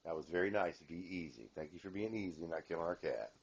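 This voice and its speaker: A man's voice: sits low, lively intonation, fast talker, slightly rough, lo-fi sound. A man filming his pets at home, chatting casually and cooing to them in baby-talk. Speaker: pet owner filming at home. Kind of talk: casual home video commentary. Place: home room.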